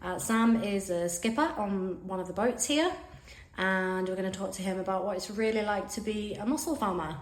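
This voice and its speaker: A woman's voice: mid-range voice, moderate pace. A woman asking questions in a conversational interview. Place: indoors in an office. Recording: echoey room.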